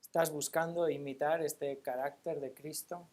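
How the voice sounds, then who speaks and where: A woman preaching a sermon in a church. She stresses points with rhetorical questions and reads scripture aloud slowly. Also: deep voice, fairly even intonation, darkish tone. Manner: emphatic, asks rhetorical questions and answers them.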